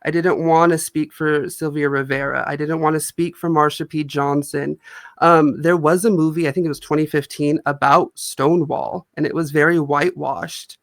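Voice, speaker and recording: Man, fairly high voice, gravelly fry, casual interview guest, earnest storyteller, dry close sound. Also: flat delivery, normal speed, dry recording.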